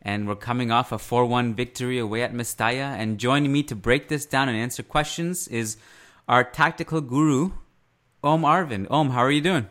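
A man hosting a sports podcast in a casual discussion style, measured and pausing mid-phrase as he works through his thoughts. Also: mid-range voice, steady tone, fairly bright tone.

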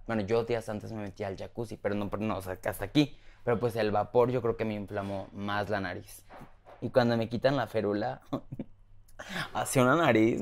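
A man with a Mexican accent, a podcast guest, chatting casually and telling stories with animated exaggeration. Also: mid-range voice. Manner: animated storyteller, exaggerating for effect. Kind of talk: casual interview chat.

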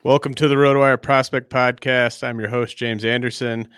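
A man's voice: mid-range voice, little pitch movement, normal speed, fairly bright tone, smooth, no echo, studio quality. A man hosting a podcast in a casual, conversational interview style, feeling his way through his sentences. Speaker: podcast host.

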